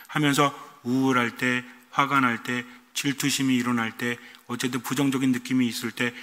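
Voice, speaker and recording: Bright, animated preaching man. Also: medium pitch, in a large hall. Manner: animated, asks the congregation rhetorical questions. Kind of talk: sermon. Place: church.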